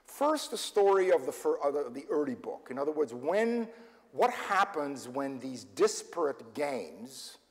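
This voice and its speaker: An older man giving a keynote lecture as a professor, lively and digressive, often checking in with "okay?". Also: fairly high pitch, unhurried, in a large hall. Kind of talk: academic lecture. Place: lecture hall.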